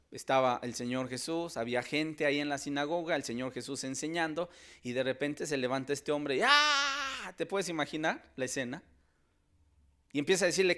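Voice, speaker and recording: Emphatic preacher, slightly high voice. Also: male voice. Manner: emphatic, swings between loud and soft, calls listeners "hermanos". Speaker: pastor. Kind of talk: sermon.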